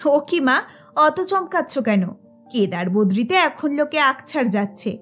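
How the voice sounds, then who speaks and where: A woman's voice: high voice, expressive, measured pace, fairly bright tone, faint music behind. A woman voicing a grown son who talks hurriedly and awkwardly, saying more than he needs to.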